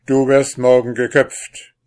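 Old king, gruff, loud and brusque, slow storybook reading, by a man. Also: mid-range voice, pitched above the performer's own voice, close to an everyday voice. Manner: raised, brusque declaiming.

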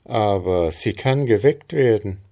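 A man reading aloud, voicing a gentle, mysterious old village widow who speaks mildly and softly. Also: on the low side, lively intonation, measured pace, creaky, muffled recording. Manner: mild, secretive, soft-spoken.

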